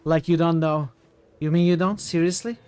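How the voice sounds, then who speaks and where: A man's voice: a little high, fairly even intonation, normal speed, a little mellow, clear, resonant tone, close to an everyday voice. A man voicing a smug, teasing young female cult sorceress from a video game in a theatrical, mocking way. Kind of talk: reading video game dialogue aloud. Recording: music behind the voice.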